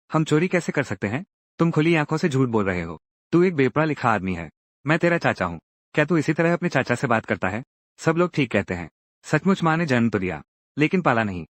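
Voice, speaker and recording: Male recap narrator, mid-pitched and very lively, dry close sound, acts out all the parts. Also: no echo. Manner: lively, acts out each character's lines in turn. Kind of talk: dramatic Hindi recap narration voicing every character.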